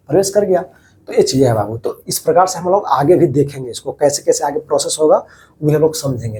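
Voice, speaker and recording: A man's voice: fairly high pitch, warm tone, a little hiss or hum. A man teaching a biology class over diagrams, repeating each key term as a question to his students and calling them "babu".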